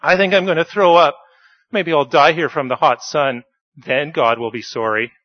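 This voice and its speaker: A man's voice: on the high side, normal speed, dry recording, highs cut off, pitched above the performer's own voice, close to an everyday voice. A man voicing a grumpy, complaining prophet in a children's Bible story, whiny and grumbling. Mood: sulking.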